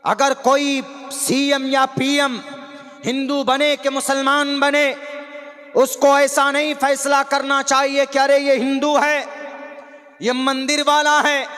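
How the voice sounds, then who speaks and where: A man from India giving an impassioned speech as a preacher, declaiming, drawing out scripture recitations and shouting at peaks. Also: extremely high pitch. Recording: long hall reverb.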